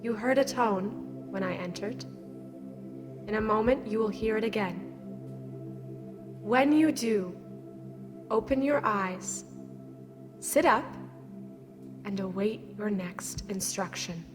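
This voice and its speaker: A woman playing a solemn, earnest elemental earth spirit in a guided-meditation audio drama, speaking in a measured, instructive way. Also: medium pitch, natural voice. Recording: long echoing reverb, prominent music bed.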